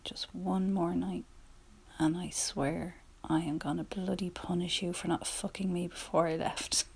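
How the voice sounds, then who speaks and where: A young woman leaving an intimate voicemail in a hushed, breathy whisper with soft laughs, close to a phone mic. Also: lowish voice, little pitch movement, a little slow.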